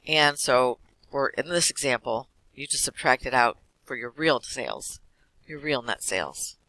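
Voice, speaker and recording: A man teaching an accounting class, walking through lecture slides quickly with casual fillers. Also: mid-range voice, expressive, sharp tone, dry recording, low-quality recording. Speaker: accounting instructor.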